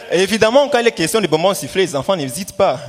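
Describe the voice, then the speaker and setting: A high-voiced man does punchy stand-up at a live show in a hall, telling stories theatrically with acted-out dialogue and emphatic repetition. He speaks fast with lively intonation, and the recording carries echo, distant reverb and background noise.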